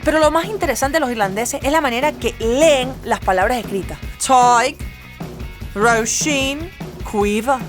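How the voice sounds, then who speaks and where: A young woman giving an animated comic monologue, slipping in and out of exaggerated English impressions. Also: high-pitched, fast talker, hardly any pauses, soft background music. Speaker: comedian host.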